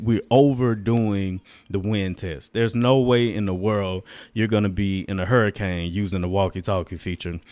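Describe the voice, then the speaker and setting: A man with a fairly low voice vlogs a casual product test as a gadget tester, talking colloquially and straight to his viewers. The recording is dry.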